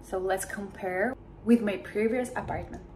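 A woman vlogger narrating her day in relaxed, chatty, slightly broken English over loud music. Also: mid-range voice, moderate pace, slight background noise, low-quality recording. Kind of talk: casual vlog narration.

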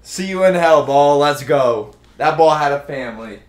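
A young streamer does live game commentary indoors at normal speed in a fairly high-pitched voice, swearing plenty and throwing out cocky, excitable sports-fan trash talk. The room sound is roomy and echoing.

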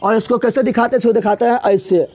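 A man teaching a math lesson in a classroom, speaking with a lilt and drilling his students with repeated questions and slow, drawn-out counting. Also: very high-pitched, fairly even intonation, over music.

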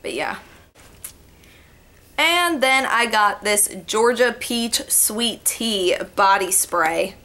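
Bright-voiced chatty young woman. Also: on the high side, animated, drawn-out words. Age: young adult. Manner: chatty, rambling, lots of "like" and "yeah". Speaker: beauty vlogger. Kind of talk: casual haul vlog. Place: small bedroom indoors. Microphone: webcam in front of her.

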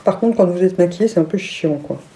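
A woman talks casually through a haul on camera and gushes over everything she shows. Her voice sits low for a woman and has a very dark, mellow tone. She now and then drops into a soft whisper. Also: fairly quick, a little hiss or hum. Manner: gushing, enthusiastic, exclamatory. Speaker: vlogger.

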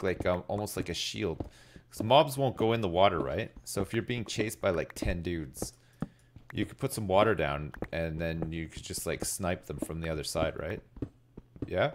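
A middle-aged man with a low-pitched voice chats to viewers while gaming. He rambles in a laid-back way and swears freely. He is close on the mic at a desk indoors, with clear noise and clicking behind him. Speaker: game streamer. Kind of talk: casual live gaming commentary, chatting with viewers.

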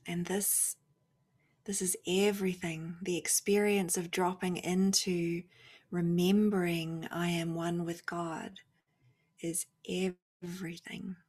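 In short, reflective phrases with long pauses between them, a woman leads a spiritual meditation, her lowish voice soft and flat in delivery and often fading almost to a whisper.

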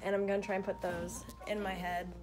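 A young American woman with a bubbly, excitable sorority-girl manner, chatting casually into a handheld phone for a vlog. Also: medium pitch, fairly quick. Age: young adult. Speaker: student vlogger, sorority member. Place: dorm rooms, outdoors on campus. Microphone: handheld phone at arm's length. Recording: loud music and crowd, handheld phone.

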